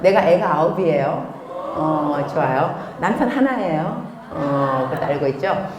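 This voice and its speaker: A middle-aged woman pastor giving a lively sermon, telling stories with acted-out dialogue. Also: sits low, unhurried, background noise. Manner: animated storytelling with acted quotes and laughter. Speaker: pastor and missionary. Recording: echoey hall.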